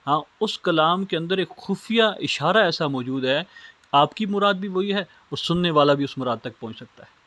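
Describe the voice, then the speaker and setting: A man's voice: a little high, animated, fairly bright tone, dry recording. A man from Pakistan lecturing on Islamic studies, explaining step by step with simple everyday examples. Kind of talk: recorded lecture.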